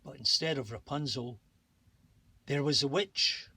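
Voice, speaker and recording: A man reading a bedtime fairy tale aloud in a slow, calm and soothing way. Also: medium pitch, breathy edge. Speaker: storybook narrator. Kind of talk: bedtime story read-aloud.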